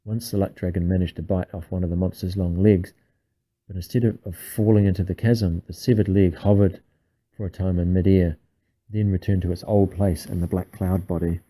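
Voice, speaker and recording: A man reading a bedtime story aloud in an unhurried, hushed storytelling manner. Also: sits low, level tone, rough recording. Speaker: reader.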